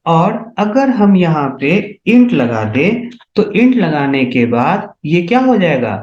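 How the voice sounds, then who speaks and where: Slow and sing-song, this man's high, darkish voice leads a step-by-step C programming tutorial captured as a screen recording. Checks on whether his students are keeping up come often, against echoey, dull lo-fi room acoustics.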